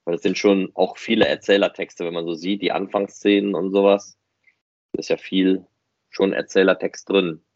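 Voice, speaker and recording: A man with a low-pitched, level voice co-hosts a fan podcast, explaining a hobby production in a casual, conversational way at a moderate pace. The recording is close, dry and slightly dull, with no room sound.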